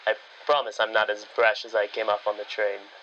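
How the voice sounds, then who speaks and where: Brash male New York heavy with a thick accent for a radio drama, played by a woman dropping her voice low. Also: flat delivery, a little fast, a bit bright, highs cut off, slight background noise. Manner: brash, gruff.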